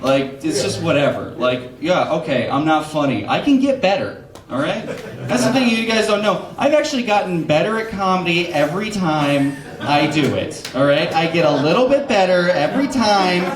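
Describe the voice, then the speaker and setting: A man's voice: a little high, expressive, moderate pace, crowd noise. Rambling man doing stand-up in an echoey club. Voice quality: loose, rambling delivery with frequent laughs and asides. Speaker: stand-up comic hosting an open mic. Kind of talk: stand-up comedy with crowd work. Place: comedy club stage. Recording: roomy club sound.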